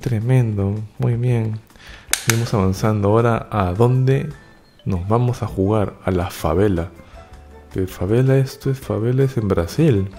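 Man narrating gameplay, excitable bursts of cheering, warm mellow voice, faint game music under him. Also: fairly low pitch. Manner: excitable, cheers and repeats words in quick bursts. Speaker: gaming YouTuber. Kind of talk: live gameplay commentary.

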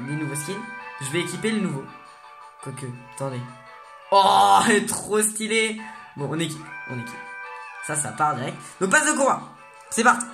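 An excitable gamer talks casually through new game content at a middling pitch, reading the menus aloud and cheering at each new item. Faint game music plays underneath. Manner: excitable, reads menu text aloud. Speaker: gaming video host. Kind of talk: casual gameplay commentary.

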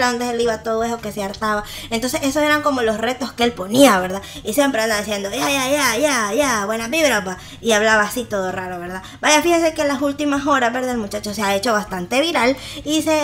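A woman's voice: a little high, fairly bright tone. A woman with a Salvadoran accent hosting a gossip channel, chatting casually and laughing often. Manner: chatty, laughs often, keeps tagging "¿verdad?".

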